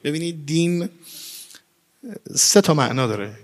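A man giving a religious lecture. He explains word origins, asks and answers his own questions, and recites Arabic phrases slowly and with stress. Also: on the high side, lively intonation. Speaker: preacher. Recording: reverberant hall.

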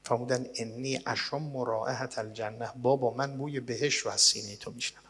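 A man delivering a sermon, reading and translating old texts with dramatic swings between loud declaiming and hushed low passages. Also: steady tone, slightly rough. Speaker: preacher. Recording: long reverb, as in a large hall.

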